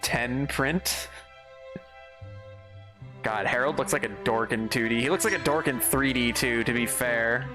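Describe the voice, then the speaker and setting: A man's voice: mid-range voice, a little slow, long pauses. A man doing casual let's play commentary on a game stream, sometimes reading the dialogue aloud. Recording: game music behind. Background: game music.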